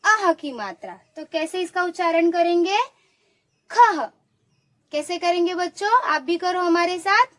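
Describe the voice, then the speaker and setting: A woman's voice: very high-pitched, expressive, normal speed, hardly any pauses, fairly bright tone. A woman teaching young children, coaxing them to repeat sounds after her and praising each answer. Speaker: primary school teacher. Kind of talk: online lesson for young children.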